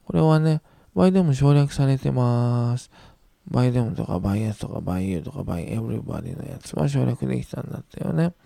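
A man teaching English grammar, patiently repeating each example sentence slowly and reassuring his students. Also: medium pitch, animated, creaky, warm tone, no echo. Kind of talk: recorded grammar lesson.

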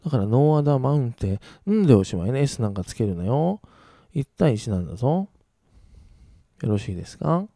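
Male English teacher, dark warm tone, dry booth sound, brisk and playful delivery. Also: mid-range voice, sing-song, dry recording. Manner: brisk teacherly, slows right down to model English words clearly; casual rough-edged male speech, playful asides. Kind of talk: recorded English pronunciation lesson.

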